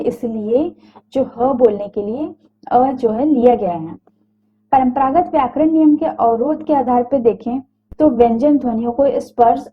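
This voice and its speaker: A woman teaching a grammar lesson in a fairly high voice, sounding out each letter slowly and patiently and catching her own slips along the way. The sound is thin and tinny, as if it came through a phone line. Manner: small self-corrections and apologies. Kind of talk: recorded Hindi grammar lecture.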